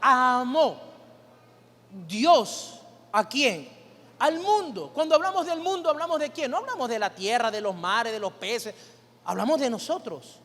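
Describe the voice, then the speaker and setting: A male pastor preaching in a high voice, throwing rhetorical questions at the congregation and drawing answers back from them. His sermon rings with the long reverb of a church hall. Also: very animated, moderate pace, fairly bright tone.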